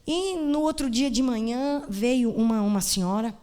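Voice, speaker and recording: A woman's voice: a little high, unhurried, mellow, clean tone. A woman pastor from Brazil preaching at a women's conference, telling a story with humor and acting out the dialogue.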